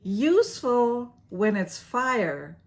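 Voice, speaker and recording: A woman's voice: a little high, sing-song, extremely slow. A woman hosting an educational series, narrating a scripted explainer in a playful, theatrical way and laughing at her own jokes.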